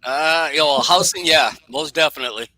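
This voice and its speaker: A man from just south of Boston, now in Florida, co-hosting a casual chat show, telling stories in an animated way and mimicking people. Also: moderate pace, no echo, low-quality recording. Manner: animated storyteller who mimics others in a high voice. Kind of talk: casual live-stream chat.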